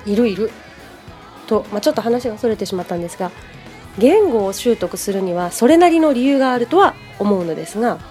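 A woman giving a casual pronunciation lesson, chatting with many fillers and slowly modeling English phrases for the listener to repeat. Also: medium pitch, mellow. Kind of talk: casual solo lesson, podcast-like.

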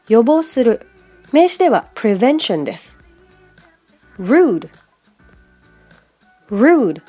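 A woman teaching an English listening lesson for a podcast, chatting casually and then carefully modeling English words slowly, one pronunciation point at a time. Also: fairly high pitch, mellow. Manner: chatty asides in casual Japanese.

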